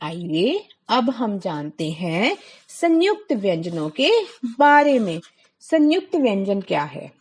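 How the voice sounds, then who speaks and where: A woman's voice: medium pitch, very animated, takes it slowly, breathy edge. A woman teacher giving a class lesson, asking questions and answering them herself, drawing out sounds as examples.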